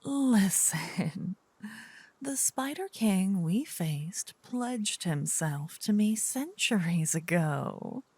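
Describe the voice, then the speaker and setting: With a medium-pitched, animated, darkish voice, a woman gives a full character performance as a seductive, possessive demon queen in fantasy ASMR, intimate and often whispered. Her tone is smug and explanatory, her delivery slow, teasing, and menacing in a doting way, her voice breathy and husky. The recording is dry, captured on a close microphone.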